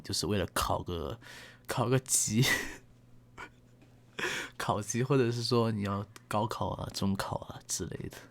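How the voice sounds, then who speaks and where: A young man hosting his channel, chatting casually to camera in a playful, teasing way and hamming up English words. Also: lowish voice. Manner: playful, teasing, joking self-mockery, exaggerated English words. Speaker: channel host. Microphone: desk condenser mic.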